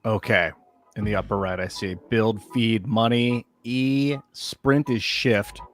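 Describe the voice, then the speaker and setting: A man playing a game live on stream, relaxed and reacting out loud as he plays. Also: on the low side, takes it slowly, soft background music. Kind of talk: casual livestream gameplay talk.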